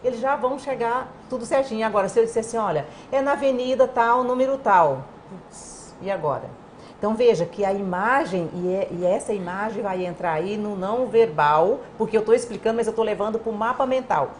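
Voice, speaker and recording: A woman guest on an interview program, explaining communication in a lively way and acting out little dialogues. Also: mid-range voice, fairly quick, a little hiss or hum. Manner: animated, acts out quoted dialogue.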